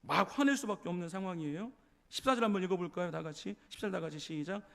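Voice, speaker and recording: A creaky, high-pitched male pastor delivers a Sunday morning sermon from the church sanctuary. Bringing scripture to life as a storyteller, he performs the voices of quoted figures and frequently tosses a brief "예?" to the congregation to make sure they're keeping up.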